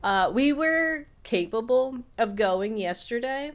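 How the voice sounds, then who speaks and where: Slow and expressive, this woman's slightly high voice carries casual podcast chat. A co-host, she tells anecdotes in a conversational storytelling style and acts out what others said.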